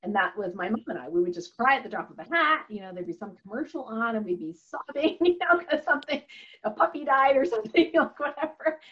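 Speaking fast in a husky yet fairly bright, high-leaning voice, this interview guest, a holistic doctor and author whose native language is Chinese, sounds animated. Her answers are earnest and chatty, sprinkled with laughs and fillers. The recording is a bit dull and lo-fi.

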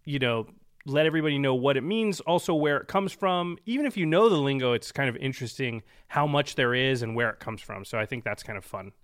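On a podcast he co-hosts, a man explains things casually and conversationally, his medium-pitched voice expressive, brisk, and a bit bright. The sound is clean studio audio with no room sound.

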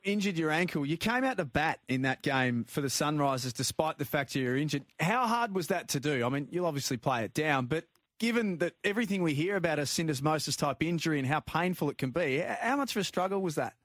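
A man's voice: a little high, animated, fast, fairly bright tone, no echo, clean studio sound. An Australian man hosting a sports radio show and interviewing a guest.

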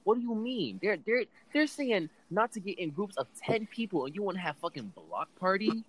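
A man's voice: sits high, big pitch swings, moderate pace, a bit bright, poor audio. A young American man hosting a casual podcast in laid-back, slangy bro talk. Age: young adult. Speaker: podcast host. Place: remote call recording during quarantine. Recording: clear background noise.

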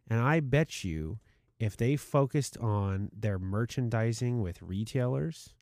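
A man co-hosting a casual podcast chat in a studio, talking in long animated runs. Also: no room sound. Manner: animated, mocks clickbait in high put-on voices. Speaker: podcast co-host.

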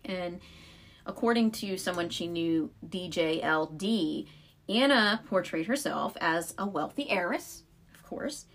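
A woman's voice: fairly low pitch, expressive, measured pace, a bit bright. A young woman co-hosting a podcast, telling a story in casual chat with lots of "like" fillers. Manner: chatty storyteller, frequent "like" fillers. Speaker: podcast co-host.

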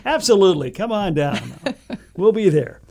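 A man's voice: sits high, very animated, moderate pace, creaky, darkish tone. An American man chatting casually as co-host of a shopping deals show. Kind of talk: casual co-hosted chat.

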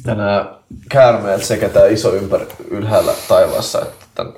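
A man playing a tabletop game, describing his character's actions in a lively way and slipping into English game terms. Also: lowish voice, slight background noise. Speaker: player. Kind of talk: casual tabletop play.

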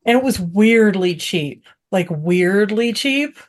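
A young woman co-hosting a casual movie-review podcast, playful and quick, often laughing. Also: medium pitch, lively intonation. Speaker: podcast co-host.

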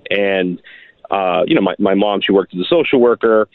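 A man in his thirties speaks in a deep, low voice over a thin, tinny phone line. He talks earnestly and haltingly, restarting his sentences and filling gaps with "uh". The line sounds dry, with no room around it. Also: no echo. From Miami, United States. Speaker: guest writer. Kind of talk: radio interview over the phone.

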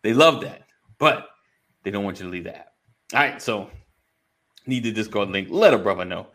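A man fronts a relaxed live show for an online men's community, chatting with his audience like a joking morning radio DJ. He greets people by name and speaks informally and colloquially. His fairly low voice is animated and fairly bright, at a moderate pace.

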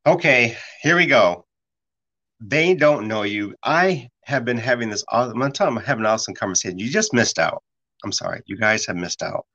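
A man hosting a casual conversation, telling stories in a rambling, lively way full of restarts. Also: medium pitch, a little fast. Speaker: podcast host. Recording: dull lo-fi sound.

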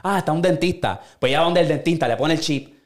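A man retells a story in loose podcast chat, bouncing into quick put-on voices for the people in it. His voice sits a little high and he swears freely as he talks. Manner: animated storyteller, acts out quoted voices, swears a lot. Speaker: podcast co-host. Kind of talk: casual chat.

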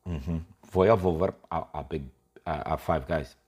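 A man's voice: extremely low pitch, a little slow, darkish tone, husky, voice pushed down, exaggerated voice. A man voicing a dim, cheerful zombie hamster who rambles through his story with sound effects. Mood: goofy.

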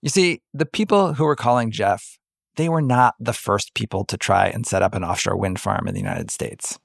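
A man co-hosting a podcast, telling the story in a relaxed conversational way with playful asides. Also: on the low side, normal speed, vocal fry, dry recording, clean studio sound. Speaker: podcast co-host.

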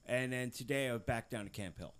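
A man's voice: mid-range voice, brisk. A man from Pennsylvania hosting a podcast, telling a work story casually and with plenty of swearing. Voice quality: profane, animated storyteller. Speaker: podcast host.

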